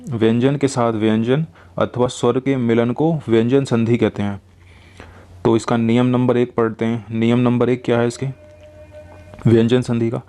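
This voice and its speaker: Guy teaching a grammar class, goes over every rule twice, patient and steady, ordinary mid pitch. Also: soft background music. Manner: explains slowly, repeats each rule. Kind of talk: grammar lesson.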